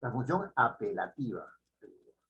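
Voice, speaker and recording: A man giving a classroom lecture, repeating key phrases and checking in with the students with quick tag questions. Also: medium pitch, big pitch swings, phone-quality sound. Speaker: teacher.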